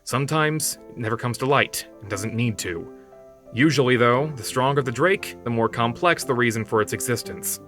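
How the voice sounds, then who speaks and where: A man voicing a serious young male drake hunter in an audiobook, terse, low and guarded. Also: normal speed, a bit bright, faint music behind, close to an everyday voice. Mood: grim. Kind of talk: audiobook character voice.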